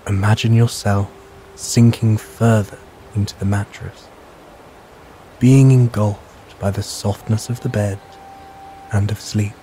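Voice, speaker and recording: A man narrating a bedtime sleep story in a calm, measured, soothing and hushed guiding way. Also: lowish voice, slight background noise, low-quality recording.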